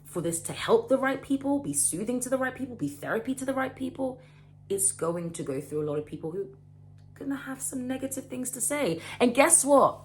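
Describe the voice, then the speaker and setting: A woman in her late twenties giving a casual motivational talk to camera, animated and emphatic, often repeating and restarting her phrases. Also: high-pitched, fairly quick, slight background noise. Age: late 20s. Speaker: vlogger.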